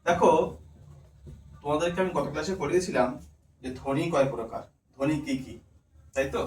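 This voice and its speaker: A man's voice: fairly high pitch, fairly quick, darkish tone. A man with a Bengali accent giving a demonstration lesson, asking questions and answering them himself. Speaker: teacher candidate giving a demo lesson. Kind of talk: classroom teaching demonstration. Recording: echoey room, far mic, faint noise.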